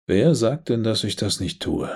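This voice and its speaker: Guy doing a chill smug devil, low husky voice, slow and quiet, storybook read. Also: animated. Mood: calm, amused. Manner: unhurried, quiet and sly. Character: calm amused world-weary devil with wings, male.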